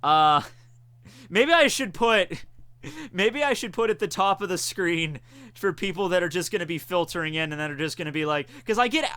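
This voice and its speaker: A man's voice: high voice, animated, normal speed, sharp tone, clean tone. Chatty young man reading his stream chat. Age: 20s. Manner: chatty, laughs often, reads and answers chat questions. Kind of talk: casual live-stream chat.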